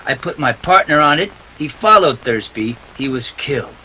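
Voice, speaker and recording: An actor playing a tough, cynical private detective with a clipped, sardonic delivery in a detective radio play. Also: male voice, on the high side, lively intonation, moderate pace, sharp tone, slight background noise, poor audio. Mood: stern.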